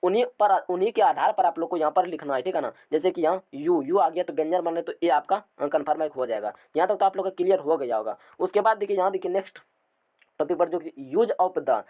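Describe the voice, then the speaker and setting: A man teaching a grammar class. He repeats words and asks the students questions, and reads English rules slowly word by word. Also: on the high side, lively intonation, mellow.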